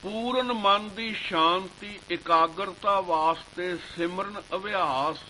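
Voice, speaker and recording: A man giving a slow devotional sermon, reciting scripture verses in a measured chanting cadence. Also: sits high, sharp tone, a little hiss or hum, rough recording. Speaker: Sikh preacher.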